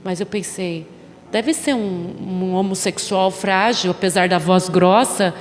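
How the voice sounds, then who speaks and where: Female pastor, sermon, animated storyteller, questions the congregation, long reverb in a church hall. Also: mid-range voice, a little slow. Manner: emphatic, with rhetorical questions to the congregation.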